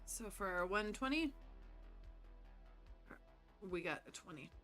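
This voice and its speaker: Giggly, slow-talking woman narrating a solo game. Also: mid-range voice, faint music behind. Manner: giggly, relaxed, chatty.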